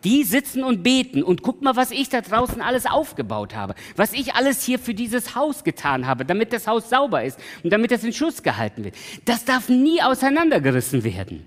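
A man preaching a sermon in a church, swinging from loud emphatic peaks to soft pleading and slowly repeating a refrain. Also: extremely high pitch, huge pitch swings. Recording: long hall reverb.

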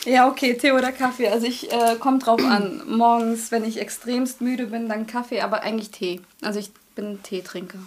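A woman's voice: fairly high pitch, steady tone, normal speed, hardly any pauses, slight background noise. A young woman co-hosting a casual podcast, chatty and rambling, often giggling. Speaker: podcast co-host.

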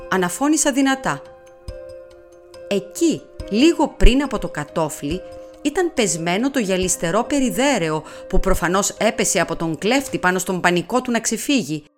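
A woman narrating a detective audiobook in an expressive, dramatic reading style. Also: medium pitch. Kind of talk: scripted narration.

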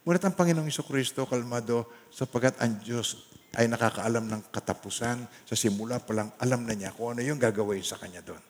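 A man with a Filipino accent preaching a sermon as a pastor, swinging from loud emphasis to hushed lines and reading scripture slowly. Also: mid-range voice. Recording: long hall reverb.

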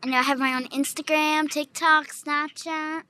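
A young woman co-hosting a podcast, chatting casually with quick interjections. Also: high voice, steady tone, bright, forceful tone. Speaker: podcast co-host. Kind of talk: casual chat.

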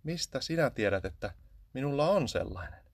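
A man's voice: mid-range voice, animated, creaky, no echo, clean studio sound, voice pushed up. A man voicing a small, timid shrew in a storybook, speaking in a puzzled, hesitant way.

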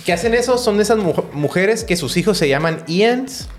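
A man's voice: sits high, moderate pace, faint music behind. A man from the Tijuana border with a northern Mexican accent, chatting casually and jokingly as a podcast co-host. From Tijuana area, US-Mexico border. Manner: slangy, joking, animated storytelling. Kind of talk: casual chat.

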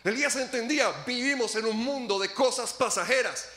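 A male pastor delivers a dramatic sermon, acting out quoted laments and swinging between ringing emphasis and hushed drops. His voice sits high and sounds bright and forceful. The room around him is echoey, like a church hall. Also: brisk. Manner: dramatic preaching, acts out quoted laments, sweeping pitch and volume swings.

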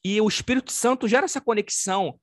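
An expansive man with a Carioca accent and a fairly high voice hosts a podcast chat. His talk is lively and demonstrative, and the recording is dry and close with no room sound. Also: fast talker, no echo. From Rio de Janeiro, Brazil. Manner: expansive, talks with his hands. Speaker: podcast host. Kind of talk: casual podcast conversation.

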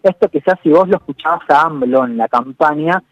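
Man, radio analyst; measured and thinking aloud, dull dry line. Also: fairly high pitch, no room sound. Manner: measured, analytical, peppers speech with "digo". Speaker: political analyst. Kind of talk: radio interview commentary.

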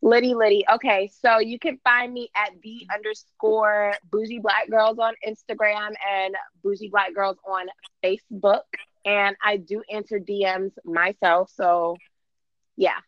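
A woman hosting a casual podcast with playful, slangy banter and frequent laughter, on a low-quality muffled call. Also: little pitch movement, a little slow, no room sound. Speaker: podcast host.

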